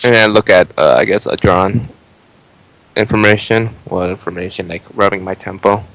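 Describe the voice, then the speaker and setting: A man's voice: sits low, fairly quick, a bit bright, low-quality recording. A man playing a tabletop game, describing his character's actions in a laid-back way, with fillers and restarts. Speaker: player.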